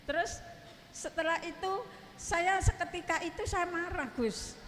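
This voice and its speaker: Javanese woman, high voice, halting storyteller asking a cleric a question, recorded in a reverberant hall with faint noise. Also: a bit bright. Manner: halting, repeatedly addresses him as Gus. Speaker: audience member asking a question. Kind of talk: telling a personal story to a cleric.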